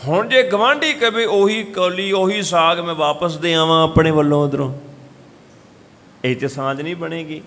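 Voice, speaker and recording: In a large gurdwara hall, a katha preacher expounds Sikh scripture with sung verses, telling stories and changing his voice for each person he quotes. His male voice sits on the high side, a bit bright, at a normal speed.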